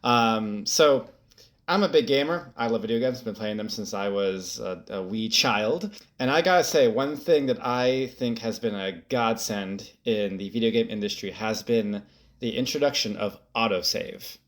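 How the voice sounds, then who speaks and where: Male podcast co-host, easygoing explainer, lowish voice. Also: normal speed. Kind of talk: casual chat.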